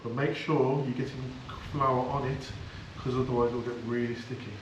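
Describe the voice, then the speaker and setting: This man's voice sits at medium pitch with fairly even intonation and a moderate pace. Giving a casual hands-on cooking demonstration, he repeats his instructions and offers patient encouragement, though the audio is very echoey, distant and noisy.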